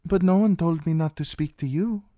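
A man's voice: a little high, normal speed, mellow, no room sound, voice pushed up, lightly acted. A man voicing a scheming young princess, coaxing and confiding in a raised voice.

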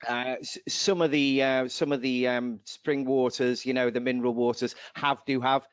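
On a webinar, a man who presents on nutrition answers at length in a chatty, meandering way, chuckling at his own jokes, his voice slightly going. He speaks at a moderate pace with a medium pitch and level tone. The sound is clean with no echo, though dull and dry.

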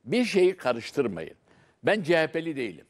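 A man's voice: fairly high pitch, very animated, moderate pace. Insistent older man in a heated TV debate. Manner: insistent, keeps cutting in with repeated appeals to listen. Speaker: political panel guest. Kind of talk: heated televised panel debate. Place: TV studio.

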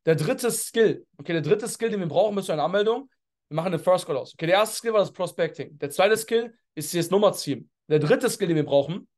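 High voiced guy on a zoom call, hyped sales coach, slangy english buzzwords. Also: brisk. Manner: energetic, pushy, slangy, mixes in English words. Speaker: network marketing mentor. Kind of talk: coaching talk on a video call. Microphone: video call.

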